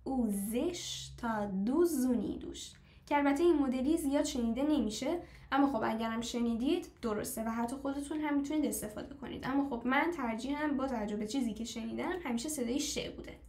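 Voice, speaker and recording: Female teacher, slightly high voice, patient stepwise explainer who quizzes her class; echoey room. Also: darkish tone. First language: Persian. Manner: explains step by step, asks the class questions; slows down to model foreign phrases. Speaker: language teacher. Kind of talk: live online class.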